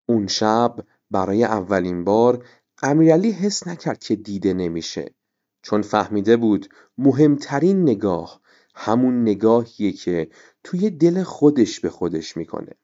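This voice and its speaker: Low, mellow male storyteller. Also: very animated. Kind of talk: scripted children's story narration. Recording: dull muffled recording.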